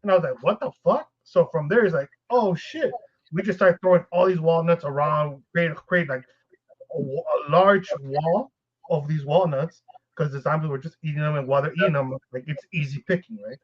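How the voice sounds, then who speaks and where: A man's voice: fairly high pitch, fairly quick. A man co-hosting a podcast, telling a long, rambling, profane story and laughing often. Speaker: podcast co-host. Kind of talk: casual storytelling. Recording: dull lo-fi podcast recording.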